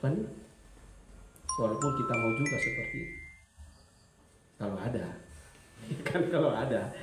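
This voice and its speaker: A man giving an Easter sermon to students, lively and full of questions, acting out teachers as he speaks. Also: fairly high pitch, roomy sound. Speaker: school chaplain preaching to students.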